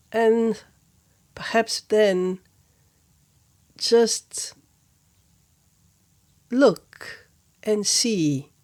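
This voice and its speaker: A woman whose first language is Portuguese, a spiritual teacher and podcast host, gives a reflective, contemplative talk. Her voice is on the low side, and she speaks very slowly and gently in a measured way, leaving long pauses between phrases.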